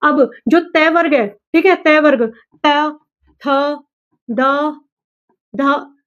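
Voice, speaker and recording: A woman's voice: high voice, extremely slow, fairly bright tone, lo-fi sound. A woman teaching an exam-prep class, asking a question, answering it herself and repeating it back. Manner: repetitive, drilling, asks and answers own questions.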